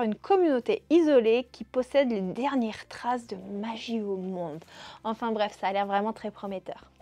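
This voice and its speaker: A woman's voice: a little high, a little mellow, no echo. A woman chatting casually about the books she wants to read, with frequent hesitations. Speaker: book YouTuber.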